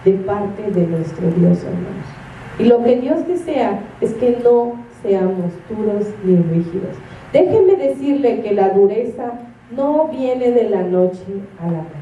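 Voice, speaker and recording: A woman's voice: fairly high pitch, mellow, slight background noise. A woman, a minister preaching a sermon and telling stories with acted-out quotes and laughter. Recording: echoey room from a distance.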